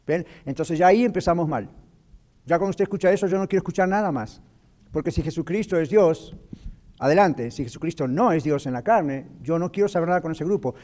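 Radio host, male, mellow and dark-toned, teaching scripture in an explanatory, preaching manner. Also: fairly high pitch, fairly quick. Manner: explanatory, preacherly, mixes English words. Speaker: radio show host, doctor. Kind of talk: radio talk on Bible teaching.

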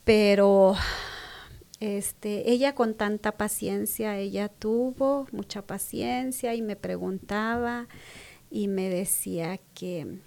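A woman with a Mexican Spanish accent giving a personal faith testimony, softly spoken, often sinking to a breathy half-whisper and acting out the quoted dialogue with rising emphasis. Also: medium pitch, fairly even intonation, takes it slowly.

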